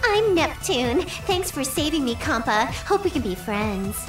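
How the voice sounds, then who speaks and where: Neptune, squeaky bubbly anime game girl. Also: very animated, unhurried, music in the background. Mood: friendly, surprised. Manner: exclamatory, playful, dramatic. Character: bubbly, scatterbrained, cheeky young anime girl heroine. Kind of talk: English video game voice acting.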